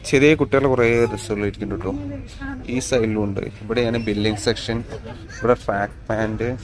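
Walking a busy outdoor street, a male vlogger chats casually to his viewers, calling them guys, as he films a walking vlog on a phone with no external mic. His voice is fairly low and steady at a fairly quick pace, while loud street noise, traffic, and passers-by fill the phone recording.

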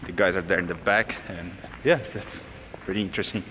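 A young vlogger talks to a camera he holds at arm's length, narrating a casual travel video outdoors and inside an empty concrete building. His voice is low and fairly quick, and the recording is very noisy. The commentary is relaxed, in loose, offhand, non-native phrasing.

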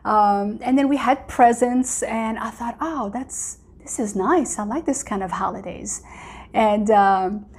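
A woman's voice: fairly high pitch, measured pace, a little mellow, husky. A woman in her forties, born in Morocco with Arabic as her first language, sharing a personal testimony as host in an earnest, chatty way with many fillers, recorded at home. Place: home living room.

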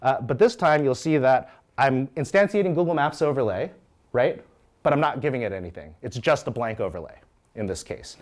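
A man's voice: mid-range voice, animated, fairly quick. A man in his thirties giving a live technical talk, walking through code in a conversational way and often checking in with "right?". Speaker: conference speaker. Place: meetup room with audience.

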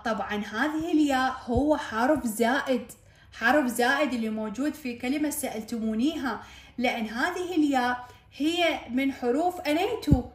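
Iraqi woman teaching grammar, echoey room. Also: on the high side. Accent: Iraqi Arabic. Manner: repeats key points, checks understanding with questions. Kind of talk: classroom-style lesson explanation.

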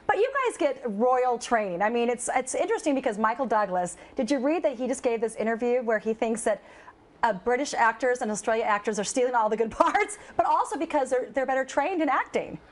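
A woman's voice: a little high, lively intonation, fairly quick. A woman from Idaho hosting a live TV interview, bubbly and joking, often laughing. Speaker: TV news host.

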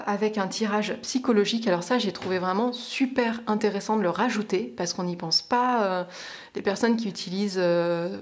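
A woman tarot reader talks casually to camera as she reviews a boxed set. She speaks in a chatty, hesitant way, full of filler sounds, and now and then reads aloud from a booklet. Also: mid-range voice.

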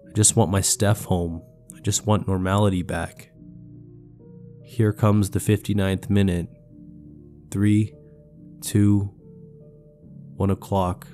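Low-voiced man narrating a horror story. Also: level tone, slow, long pauses, mellow, faint music behind. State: sounds sick.

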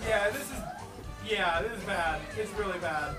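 A woman's voice: medium pitch, normal speed, recorded from a distance, crowd noise. A young woman hosting a casual live commentary, laughing often and exclaiming in exasperation. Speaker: commentary host. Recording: music playing behind.

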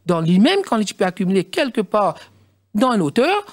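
A middle-aged man with a Mauritian accent, a studio guest explaining in halting speech with many fillers and restarts. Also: sits high, big pitch swings, dry recording. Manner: halting, mixes French and Creole, many fillers. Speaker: studio guest, former district council president.

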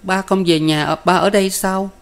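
A man's voice: fairly even intonation, normal speed, gravelly, clean tone. A man doing a whiny three-year-old boy. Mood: pleading. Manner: high, pleading child's questions.

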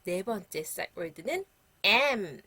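A woman's voice: mid-range voice, sing-song, slow pace, sharp tone, no echo. A middle-aged woman teaching English to children, cheerful and coaxing, having them repeat words after her.

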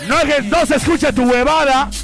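A man working as a party MC and DJ, brashly taunting and hyping a live dance crowd with shouted calls. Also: very high voice, steady tone, normal speed, creaky. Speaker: party MC and DJ host. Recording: live PA over loud music. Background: loud party music.

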